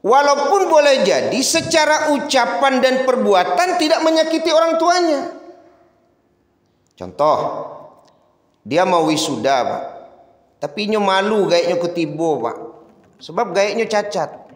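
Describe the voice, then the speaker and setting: Lively Minangkabau-accented man preaching in an echoey hall. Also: measured pace, pauses often. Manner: addresses the audience as Pak and Bu constantly, swings to high emphatic peaks. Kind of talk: sermon. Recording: echoey hall with long reverb.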